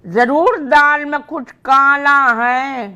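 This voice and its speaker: A woman's voice: sits high, steady tone, takes it slowly, sharp tone. An older woman with an old plays a scolding mother in a comedy drama, tossing out proverbs as she talks. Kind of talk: scripted comedy drama dialogue.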